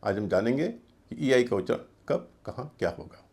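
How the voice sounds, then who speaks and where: Creaky-voiced male pronunciation teacher. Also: medium pitch, animated, a little mellow. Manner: slow, deliberate spelling out of letters and repeated drilling of words. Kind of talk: video lesson in Hindi.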